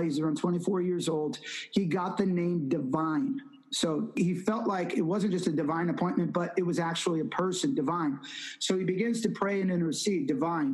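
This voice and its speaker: A man with a light, high voice recounts a testimony as an interview guest. He tells it with animated, emphatic repetition and slips into acting out the people he quotes. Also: poor audio. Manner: animated storyteller who acts out quoted speech. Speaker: evangelist guest.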